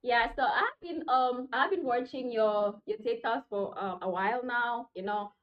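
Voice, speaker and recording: A woman's voice: on the high side, moderate pace. A woman in her twenties from Rwanda, calling into a show and speaking hesitantly, with lots of fillers. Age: 20s. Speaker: caller. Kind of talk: casual call-in talk. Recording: dull call audio.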